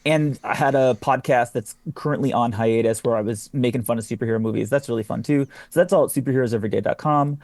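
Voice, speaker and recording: A man's voice: medium pitch, fast, hardly any pauses, a little mellow, no room sound. A man talking casually as a guest on a podcast. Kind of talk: casual chat.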